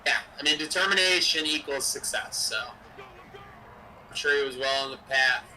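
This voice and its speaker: A young man with a very sharp, bright voice trades jokes and calls plays on a simulated football stream. He sounds a little off the mic. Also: fairly high pitch, normal speed, recorded from a distance, slight background noise, poor audio. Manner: chatty, jokey, drops game calls between stories. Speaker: co-host of a game-sim stream. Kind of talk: casual chat and play-by-play over a simulated football game.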